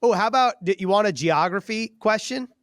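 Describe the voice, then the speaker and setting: A man's voice: high voice, lively intonation, fairly quick, dry recording, clean studio sound. A man hosting a sports podcast, running the chat in a friendly, easygoing way. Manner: friendly, easygoing, laughs often. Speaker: podcast host.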